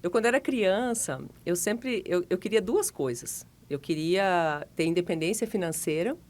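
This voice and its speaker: A woman in her forties from Paraná, Brazil, a guest telling her story in a relaxed, chatty way with easy laughs. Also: lowish voice, moderate pace. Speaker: guest, financial consultant. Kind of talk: relaxed interview conversation.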